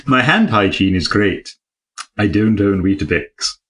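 A man hosting a casual comedy podcast, reading out listener questions with dry, deadpan humor. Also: on the low side, unhurried.

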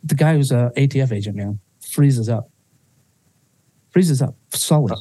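Mellow-voiced man telling a raw story. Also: mid-range voice, measured pace, husky, no room sound. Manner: emotional, swears freely, many restarts. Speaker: podcast guest. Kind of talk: personal storytelling.

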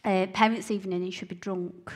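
A woman with a broad Glaswegian Scottish accent, telling a personal story to listeners in an earnest, halting way, repeating phrases for emphasis. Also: mid-range voice, fairly even intonation. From Glasgow, Scotland. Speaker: speaker giving a testimony. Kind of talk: personal testimony told to listeners.

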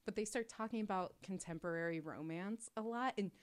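A woman's voice: mid-range voice, a little fast. A woman co-hosting a book podcast in a bubbly, upbeat casual chat, laughing easily. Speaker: podcast co-host.

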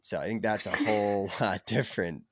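A hoarse young man from the United States, sick with covid, talking earnestly and reflectively as a podcast guest. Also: lowish voice, moderate pace, crowd noise. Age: young adult. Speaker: podcast guest, endurance runner. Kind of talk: casual interview chat.

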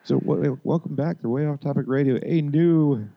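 A man with a deep bass voice co-hosting a casual podcast, speaking haltingly with repeated words and free swearing. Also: creaky. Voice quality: deep, bassy voice. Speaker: podcast co-host. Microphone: podcast microphone through a mixer. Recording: dull, muffled home podcast audio.

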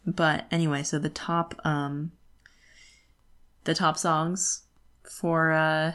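With a low, flat, slow delivery yet a fairly bright tone, this young adult woman co-hosts a casual podcast about books.

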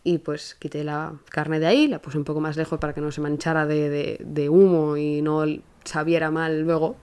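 A woman's voice: low voice, clean tone. Young Spanish woman telling a story. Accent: Spain Spanish. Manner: animated, rushes and restarts while telling an anecdote. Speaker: podcast host. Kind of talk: casual storytelling monologue.

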